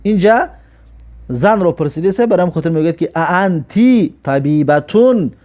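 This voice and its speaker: A man teaching an Arabic grammar lesson. He explains step by step, asks and answers his own questions, and reads the example sentences slowly. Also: sits high, animated, mellow.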